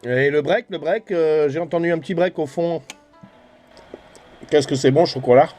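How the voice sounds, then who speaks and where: A middle-aged man from France, a hobby CB radio operator and vlogger, has a casual, colloquial chat over CB radio. His voice is on the high side with a darkish tone and a moderate pace, and faint music plays behind him.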